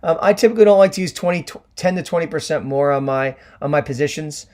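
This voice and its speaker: A young man with a hoarse voice, hosting a casual trading livestream and answering viewer questions with lots of ums and restarts. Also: on the high side, fast talker, a little mellow. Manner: chatty, many ums and restarts, explanatory. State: hoarse from screaming at games.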